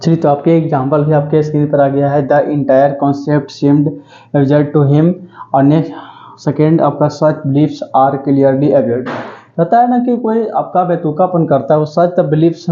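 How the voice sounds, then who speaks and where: In an echoey lo-fi room with dull sound, a slightly high-voiced male teacher lectures on English vocabulary for exam preparation. He drills each word over and over, adding "ठीक है" and asking himself questions.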